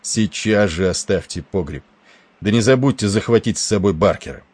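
A man's voice: lowish voice, normal speed, a little mellow, slightly rough. A man voicing a stern, desperate ship captain who gives curt commands in an audiobook. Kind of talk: audiobook narration.

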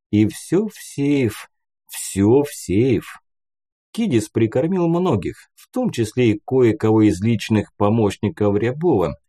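A man reading an audiobook with steady, even scripted narration. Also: mid-range voice, breathy edge.

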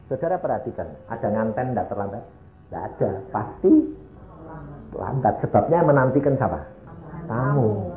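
Animated older preacher, tinny hall. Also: male voice, moderate pace, pauses often. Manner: animated storyteller, sudden swings from loud highs to hushed lows. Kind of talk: sermon with personal storytelling. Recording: tinny lo-fi echoey hall recording.

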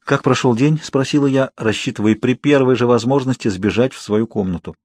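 A man reading a first-person audiobook narration in a calm, even manner on a close mic. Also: medium pitch, brisk, dry recording. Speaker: audiobook reader.

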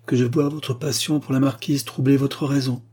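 A man's voice: medium pitch, level tone, normal speed, dark tone, breathy edge, voice pushed up, lightly acted. A man reading a stern old forester. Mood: reproving. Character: stern older male chief forester, disapproving. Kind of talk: audiobook character voice.

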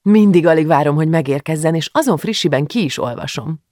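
A man voicing a chatty adult woman librarian in an audiobook, with a raised, lively voice. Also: fairly high pitch, no room sound, studio quality, lightly acted.

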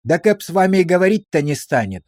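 A man's voice: high-pitched, big pitch swings, fast talker, darkish tone, no echo, clean studio sound, voice pushed up. A man reading aloud plays a riverboat sailor who gives short, sullen answers. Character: sulky, terse riverboat sailor caught out.

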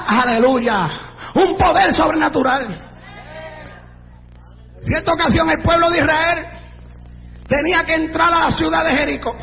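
A man preaching at the top of a very high, strained voice, shouting refrain after refrain and throwing in fervent cries of praise. He sounds far off in a reverberant church hall, with a muffled, dull recording and a faint congregation behind him. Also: gravelly. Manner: shouts fervently, repeats refrains, interjects aleluya. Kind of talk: shouted Pentecostal-style sermon.

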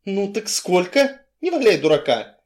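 A male reader voicing a reckless, fiery young woman who shouts and demands the truth. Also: high voice, sing-song, measured pace, pitched above the performer's own voice. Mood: angry, demanding.

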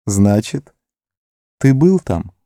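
A man's voice: lowish voice, big pitch swings, drawn-out words, mellow, no echo, clean studio sound, exaggerated voice. A man reading stern, commanding hobbit Frodo. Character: young male hobbit Frodo, stern and resolute. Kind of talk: audiobook character voice.

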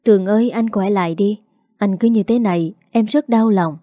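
A woman voicing a grieving young wife in an audio story, speaking softly and politely. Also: mid-range voice, normal speed, dry recording, clean studio sound, lightly acted. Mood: sad.

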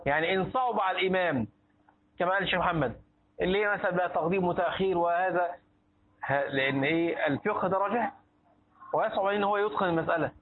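A man's voice: high voice, rapid-fire. A man teaching a class on Islamic jurisprudence in colloquial Egyptian Arabic, quizzing his listeners and repeating and restarting words as he goes. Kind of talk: colloquial Egyptian lecture with questions to students. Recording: tinny phone-like lecture recording.

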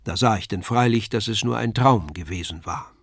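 A man reading a classic novella aloud in measured storytelling narration. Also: on the low side, creaky, husky, no room sound, studio quality. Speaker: reader.

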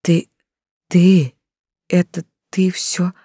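A desperate young woman pleads and insists she is innocent, as an audiobook reader voices her. The voice is mellow and warm, and the recording is close and dry. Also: medium pitch, level tone, drawn-out words, slightly rough, no room sound. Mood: pleading. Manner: pleading, tearful. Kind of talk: audiobook character reading.

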